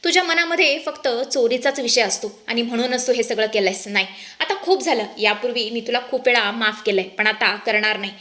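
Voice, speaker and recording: Stern, scolding man of the household, demanding answers in a raised voice, as a woman narrator reads his lines. The voice sits high and bright, and the delivery is a plain read-aloud rather than a put-on character. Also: a little fast. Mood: furious. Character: angry man, son-in-law of the family.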